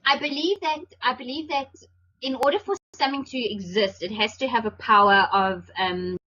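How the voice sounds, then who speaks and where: A woman co-hosting a podcast, chatty and quick to jump in with jokes. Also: on the high side, sharp tone, breathy edge. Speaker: podcast co-host. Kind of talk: casual chat. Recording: dull lo-fi sound with faint noise.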